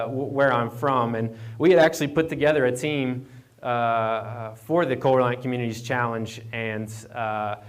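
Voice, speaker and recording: A man from Virginia with an Appalachian accent gives an informal conference presentation, often repeating words and restarting as he goes. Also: medium pitch. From Appalachian Virginia, United States. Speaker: guest speaker, economic development program manager. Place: speaking to an audience at a live event, standing away from the podium. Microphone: double mic'd.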